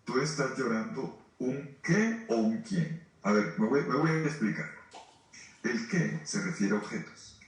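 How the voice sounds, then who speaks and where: Echoey, distant priest preaching emphatically. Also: male voice, medium pitch, expressive, a little slow. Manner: emphatic, rhetorical questions, speaks to listeners directly. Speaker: priest leading a grief retreat. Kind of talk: sermon. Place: formation house hall.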